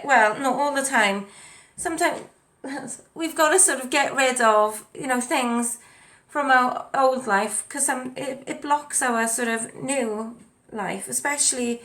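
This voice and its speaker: A woman's voice: on the high side, a bit bright. A woman giving a casual spiritual card reading, chatty, with lots of ums and you knows as she reads the card texts aloud. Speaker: tarot and oracle card reader. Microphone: desk mic at a home setup with ring light.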